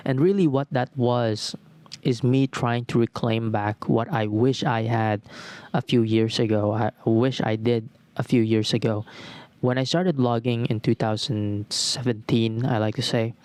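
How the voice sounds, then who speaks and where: Young male podcaster, mid-pitched, thoughtful solo monologue with phrases stacked in lists. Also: darkish tone, smooth, dry recording. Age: 20s. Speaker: podcast host. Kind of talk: reflective solo talk.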